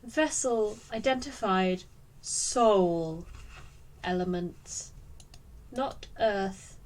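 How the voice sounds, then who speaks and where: A woman's voice: medium pitch, darkish tone, low-quality recording. Woman voicing a glitching robotic device. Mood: glitching mechanical. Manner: clipped, halting error announcements. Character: glitching magical machine voice, sexless. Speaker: game master.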